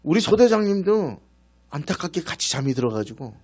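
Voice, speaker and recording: Fairly high-pitched and slightly rough, this pastor speaks fairly quickly as he shares a personal story from the pulpit with animation. Now and then he addresses people in the congregation directly.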